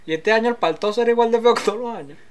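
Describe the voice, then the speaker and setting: A man with a Venezuelan accent, co-hosting a casual podcast, joking and swearing freely between quick laughs. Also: very high voice. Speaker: podcast co-host. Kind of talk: casual banter.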